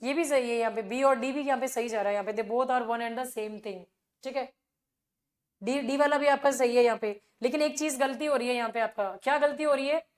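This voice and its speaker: A woman's voice: fairly high pitch, normal speed. A woman with an Indian accent teaching an exam revision class, explaining with rhetorical questions and repeated filler phrases. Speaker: English teacher.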